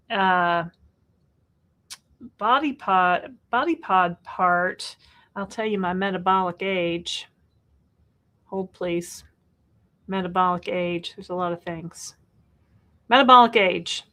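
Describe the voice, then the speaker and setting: A woman in her fifties chatting on a live Q&A show. Her middle-pitched voice runs animated, rising into exasperated bursts and laughing asides as she talks things through. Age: 50s. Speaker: co-host. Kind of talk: live Q&A chat.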